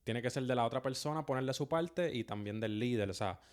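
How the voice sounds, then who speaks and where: A man guest in a casual chat, giving measured advice with frequent filler sounds. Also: medium pitch, a little mellow.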